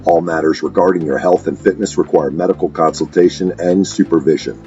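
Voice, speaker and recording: Very deep, mellow man announcing. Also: steady tone, dull audio. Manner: smooth, measured announcer delivery. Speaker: show announcer. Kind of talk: scripted intro and disclaimer. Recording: faint music underneath.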